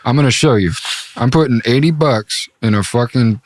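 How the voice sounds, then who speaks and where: A man's voice: mid-range voice, normal speed, no echo. A man hosting a podcast in casual chat, laid-back, slangy and full of swearing. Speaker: podcast host.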